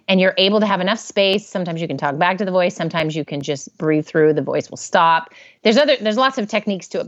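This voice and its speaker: A woman's voice: on the low side, no echo, muffled recording. A woman therapist, a guest on a podcast, talking casually and animatedly, acting out inner voices in little quotes. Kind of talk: casual interview talk.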